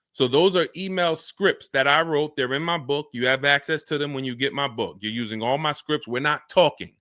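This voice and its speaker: An energetic man hosts a live car-buying Q&A, his voice bright and forceful over a close, dry mic. He talks casually and slips into little acted-out buyer and salesman asides. His pitch sits a bit higher than most men's. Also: no room sound. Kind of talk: live-stream Q&A, casual and animated.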